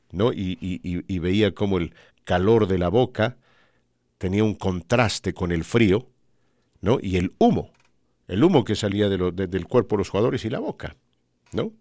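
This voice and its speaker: A man's voice: deep voice, a little mellow, no room sound, studio quality. A man, a radio sportscaster, telling anecdotes on a podcast and often tagging his sentences with "¿no?". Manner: rambling anecdotes with frequent "¿no?" tags. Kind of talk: storytelling on a podcast.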